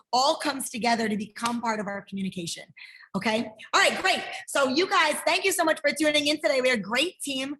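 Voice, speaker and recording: A woman's voice: on the high side, bright, forceful tone. A woman martial arts instructor teaching a kids' life-skills workshop over a video call, upbeat and encouraging as she asks the class questions.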